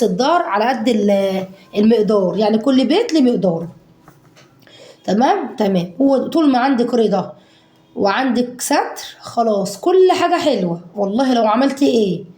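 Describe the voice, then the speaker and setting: A woman with an Egyptian accent, hoarse from a cold, chatting fondly to her viewers about a budget week of home cooking. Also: a little high, roomy sound. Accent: Egyptian Arabic. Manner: warm endearments to viewers, acts out their questions.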